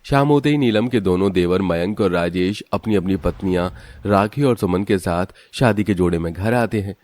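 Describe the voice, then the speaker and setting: A man narrating a cartoon story in a steady, matter-of-fact way. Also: sits low, normal speed, dry recording.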